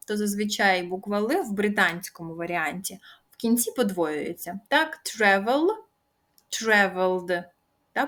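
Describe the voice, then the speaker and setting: A young woman teaching English grammar in a patient, encouraging way, drawing out the example words. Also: medium pitch. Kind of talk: explaining grammar rules.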